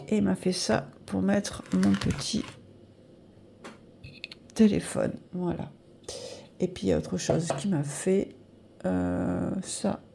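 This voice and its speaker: Gravelly-voiced woman in her fifties, nasal. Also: on the low side, warm tone, slight background noise. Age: 50s. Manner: chatty, hesitant, many fillers, thinking aloud while adding sums. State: nasal from air conditioning. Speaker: budget vlogger. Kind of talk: casual budget review to camera.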